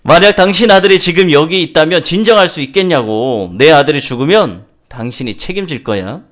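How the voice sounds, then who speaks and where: A man playing a shouting, hot-tempered father. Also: on the high side, expressive, a little fast, pitched above the performer's own voice. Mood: shouting angrily. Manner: shouting, rude and accusing. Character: furious father of a sick boy, middle-aged man, hot-tempered.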